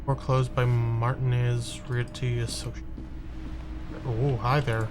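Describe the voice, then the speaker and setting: A man's voice: medium pitch, level tone, a little slow, background noise. A male streamer reading a game's dialogue and narration aloud, hesitant and full of "uh"s. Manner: hesitant, with many "uh"s.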